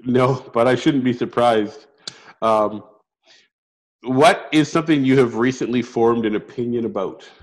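A middle-aged man with a gravelly, sandpapery rasp, chatting casually as a podcast co-host. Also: mid-range voice, measured pace, rough recording. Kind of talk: casual chat.

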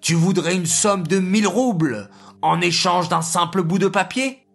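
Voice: medium pitch, measured pace, gravelly, a bit bright, faint music behind, voice pushed up. A storyteller voicing a wealthy diamond merchant who bargains and pleads in a placating tone. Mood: bargaining. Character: diamond merchant, jovial then anxious.

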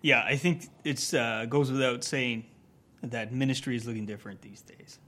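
A man hosting an interview, asking supportive questions in a halting way with fillers. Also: medium pitch, sharp tone. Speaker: interviewer, host. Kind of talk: interview conversation.

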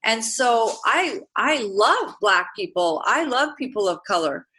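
A woman's voice: on the high side, big pitch swings, unhurried, bright, forceful tone, low-quality recording. A woman born in Uganda hosting a political talk show, speaking earnestly and emphatically. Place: Vancouver area.

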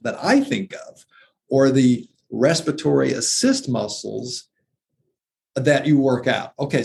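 A man with a gravelly, fry-tinged voice talks casually about anatomy, piling up muscle names with enthusiasm. He sounds like a former teacher who loves the details. A faint noise sits under the recording. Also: mid-range voice, darkish tone. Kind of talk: casual conversational explaining.

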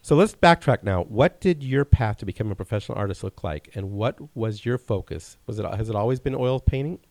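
A man hosting a casual interview, affable and quick with short affirmations. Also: lowish voice, expressive, darkish tone, dry recording. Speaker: interview host.

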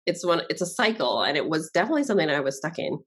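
A woman from Barbados talks with a low pitch as a guest in a casual interview. Her talk is chatty and relaxed, and she laughs easily between her points. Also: very fast, breathy edge. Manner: chatty, laughs often, lively asides.

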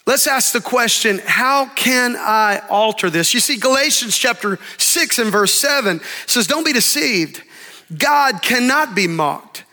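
A pastor preaching in a big sanctuary, his voice very high and bright, ringing out with a long hall reverb. He preaches in an animated way, slowing down for emphasis and acting out the voices in his stories. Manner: animated preaching, dramatic pauses, acts out story voices. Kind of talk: sermon.

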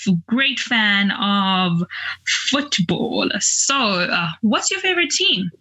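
Podcast host woman, even steady voice. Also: mid-range voice, slow pace, rough recording. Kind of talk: scripted intro then casual interview.

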